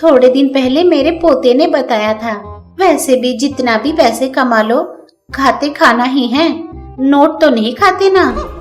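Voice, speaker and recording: A woman's voice: high voice, slow, faint music behind, voice pushed up. A woman voicing a cheeky old grandmother who sells peanuts in a cartoon story. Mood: teasing. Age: older. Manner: cheeky, needling.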